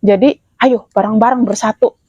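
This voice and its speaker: A woman's voice: on the high side, fairly even intonation, moderate pace, a little mellow, husky, dry recording, highs cut off. A woman hosting a spiritual channel. She explains in a polite, hesitant way, with many fillers and apologetic asides. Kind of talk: casual explanatory talk.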